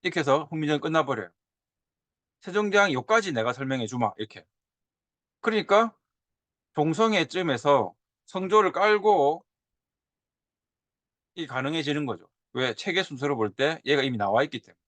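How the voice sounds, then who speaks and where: 활기찬 억양으로 강의하는 남자. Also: male voice, on the high side, moderate pace, pauses often, no room sound. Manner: animated, drawls and repeats example sounds. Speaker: teacher. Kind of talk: lecture on old Korean script.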